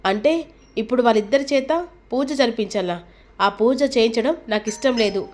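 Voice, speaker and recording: Woman reading household matriarch, firm, authoritative, slightly high voice. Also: a little fast, close to an everyday voice. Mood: stern. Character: commanding elder woman of the household.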